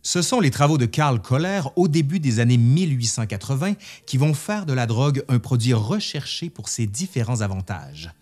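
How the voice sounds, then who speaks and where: A man's voice: medium pitch, very animated, moderate pace, hardly any pauses, a little mellow. A man narrating a history video in scripted style, reading quotations with emphasis.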